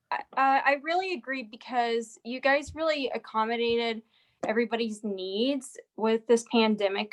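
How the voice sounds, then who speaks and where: A woman with a fairly high voice talks in an online meeting. She gives earnest, rambling thanks, piling up asides before she gets to her point. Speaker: chapter member. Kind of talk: casual online meeting talk.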